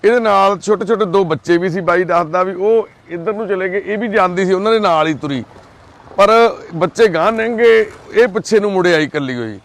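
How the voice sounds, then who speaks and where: A man with a Punjabi accent, recording a vlog outdoors by a railway crossing at night and talking in a gentle, coaxing and reassuring way. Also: sits high, moderate pace. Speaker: vlogger helping a lost child. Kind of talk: on-the-spot field vlog.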